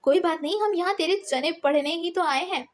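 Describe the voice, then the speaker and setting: A man's voice: very high-pitched, fairly quick. A woman voicing a teasing young buddy. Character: teasing carefree young male friend.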